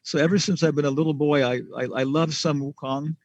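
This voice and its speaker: A man's voice: on the high side, fairly even intonation, brisk, a little mellow, dry recording, dull audio. A man answering students' questions in a casual class, rambling with many fillers and chuckles.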